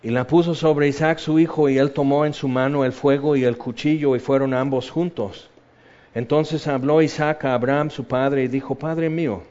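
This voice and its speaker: A man's voice: medium pitch, steady tone, normal speed. Passionate male preacher, dull lo-fi sound. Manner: passionate, shifts between loud emphasis and soft hushed tones; reads scripture then acts out quoted voices. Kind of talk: sermon.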